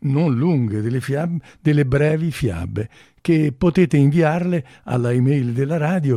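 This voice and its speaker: Male radio host, gentle and effusive, unhurried delivery, dry close sound. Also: medium pitch, no echo. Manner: gentle and effusive, with small restarts. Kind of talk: live radio hosting and reading a fairy tale aloud.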